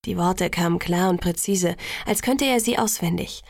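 Brief: female audiobook narrator, soft even read, gravelly, dry close recording. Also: fairly low pitch, moderate pace, no echo.

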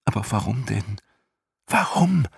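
A man's voice: medium pitch, lively intonation, moderate pace, gravelly, a little mellow, breathy edge, pitched above the performer's own voice, full character voice. A man voicing a desperate young boy who pleads in an anxious half-whisper in an audiobook. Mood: pleading. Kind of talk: audiobook character voice.

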